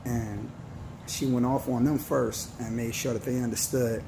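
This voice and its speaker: A man in his forties gives an earnest, slangy motivational talk, leaning on scripture and street talk as he goes. His voice is gravelly and sits at an ordinary pitch. The recording has a clear layer of background noise behind him. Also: flat delivery. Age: 40s. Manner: earnest, preachy, slangy and slow. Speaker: vlogger.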